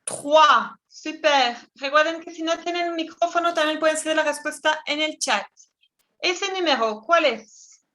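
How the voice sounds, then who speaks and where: A woman teaching an online French class, explaining in Spanish and repeating each word slowly for pronunciation. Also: high voice, pushed and bright. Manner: slow, careful, repeats words for pronunciation; switches between Spanish explanations and French examples.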